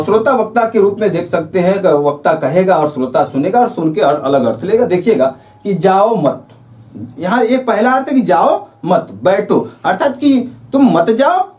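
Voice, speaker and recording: A man teaching a Hindi grammar lesson, explaining patiently, repeating himself with filler phrases and reading quoted verse lines slowly. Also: high-pitched, a little mellow, distant mic. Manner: repetitive, careful, with frequent filler phrases.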